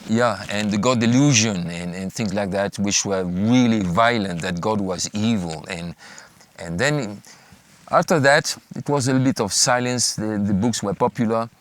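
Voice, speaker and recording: French-accented pastor guy, lowish voice, thinks out loud, lots of restarts, dry sound. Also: no echo. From France. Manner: thoughtful, halting with restarts. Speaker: pastor, former math teacher. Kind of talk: interview answer.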